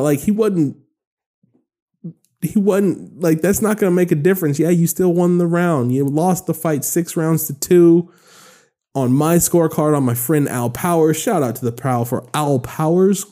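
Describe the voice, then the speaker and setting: Man, 30s, podcast host, loose rambling joker, mellow tone. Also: on the high side. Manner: rambling, joking, lots of fillers. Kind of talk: casual solo podcast monologue.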